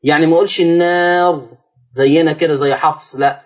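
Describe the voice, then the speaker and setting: In another lo-fi clip from the broadcast lesson, the Egyptian-accented Quran teacher asks and then answers his own questions, lengthening recited words slowly to demonstrate. His fairly high voice is darkish in tone with fairly even intonation.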